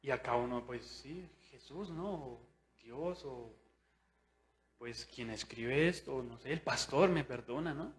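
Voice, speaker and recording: A young man preaching a sermon in a church, chatty and animated, asking his listeners questions and acting out what people think. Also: medium pitch, slow. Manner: conversational, with tag questions; animated, acts out inner voices.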